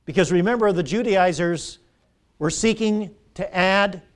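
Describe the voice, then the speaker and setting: A man's voice: sits high, a little slow. A middle-aged man preaching a sermon, asking the congregation questions and repeating key phrases.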